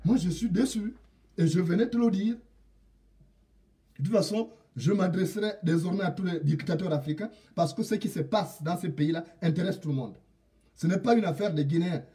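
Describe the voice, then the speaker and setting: A man's voice: high voice, moderate pace, dark tone, far from the mic. A man from Gabon addressing a president directly in an indignant political rant, repeating proverbs and lines for emphasis. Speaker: political commentator.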